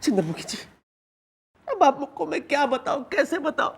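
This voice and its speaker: A man's voice: very high-pitched, sing-song, moderate pace, creaky, full character voice. A man playing a police boss in a TV sitcom, talking in an overblown, wailing, melodramatic way. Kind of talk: TV sitcom acting.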